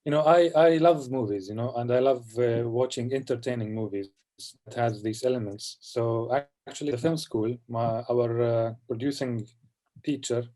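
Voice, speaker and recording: A man from Palestine with a warm, dark voice that sits at a middle pitch. He talks over a video call at a festival Q&A, reflective and halting, often adding "you know". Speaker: film director. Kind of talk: festival Q&A conversation.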